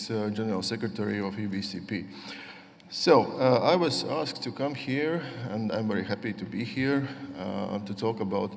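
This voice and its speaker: Gravelly man lecturing in a reverberant hall. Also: lowish voice. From Latvia. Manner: halting, many fillers and restarts. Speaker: conference speaker, physician. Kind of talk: conference lecture. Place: large conference hall.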